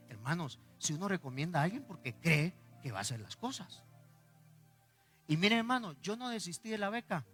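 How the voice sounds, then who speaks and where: A middle-aged man with a Guatemalan accent, a pastor preaching a sermon full of personal stories and acted-out dialogue. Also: mid-range voice. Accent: Guatemalan Spanish. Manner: animated storyteller acting out dialogue, laughing. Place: church hall. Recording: echoey church hall.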